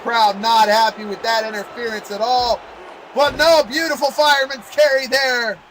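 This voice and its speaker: A man calling play-by-play as a wrestling commentator, excitable and exclamatory in his delivery. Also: very high-pitched, normal speed, a little hiss or hum, rough recording.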